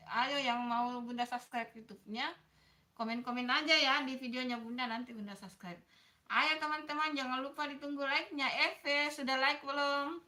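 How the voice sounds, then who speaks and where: A woman's voice: high-pitched, sharp tone. A woman hosting a casual livestream, chatting with viewers, greeting them by name and apologizing often. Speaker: livestream host.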